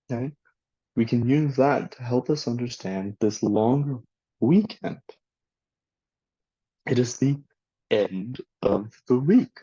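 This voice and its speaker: Slow, mellow man giving a lesson. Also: medium pitch, breathy edge, no echo, highs cut off. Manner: slow, deliberate teacher talk with spoken examples for the listener to repeat. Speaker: student presenter teaching a language lesson. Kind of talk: recorded classroom presentation.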